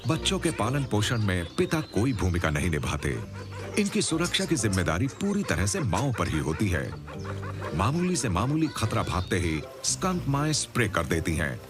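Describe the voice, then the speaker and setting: A man narrating a nature documentary from a script, with a measured, explanatory storytelling delivery. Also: lowish voice, huge pitch swings, over music.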